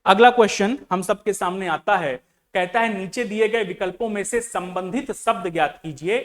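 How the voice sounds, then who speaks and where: In a high voice at normal speed, a man runs an exam-prep reasoning class, asking his students questions and repeating key words while mixing in English terms.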